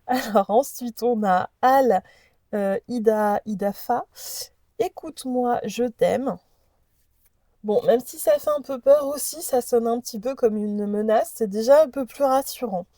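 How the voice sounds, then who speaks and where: Slow, mellow-voiced woman reading oracle cards. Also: fairly high pitch, expressive, no echo. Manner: hesitant, stumbling over unfamiliar names. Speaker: host presenting an oracle deck. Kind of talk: casual chat, reading card messages aloud.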